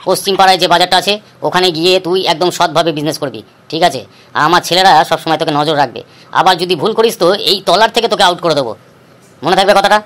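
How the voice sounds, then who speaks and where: A gruff male village boss who settles everyone's disputes, as a woman puts him on in a cartoon. He gives short, commanding orders in a voice pushed down well below her own. His delivery is hurried. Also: lowish voice, voice pushed down, close to an everyday voice. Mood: stern. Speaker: voice actor. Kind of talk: cartoon voice acting.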